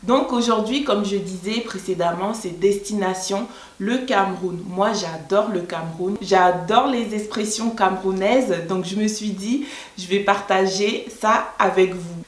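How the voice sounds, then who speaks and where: A woman from West Africa, chatting casually in a vlog, explaining things and laughing often. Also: medium pitch. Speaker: vlogger. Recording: echoey room.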